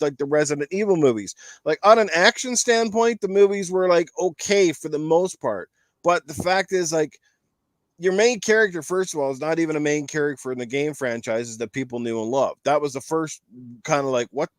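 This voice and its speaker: Leading a relaxed panel discussion on games and films, a podcast host gives rambling views and emphatically repeats himself. His voice is a little high, and the recording is dry.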